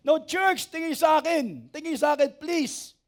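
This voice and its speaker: A man, a pastor preaching an animated sermon, asking the congregation for amens and joking with them. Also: very high voice, moderate pace. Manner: animated preaching, asks the church for amens and jokes with it.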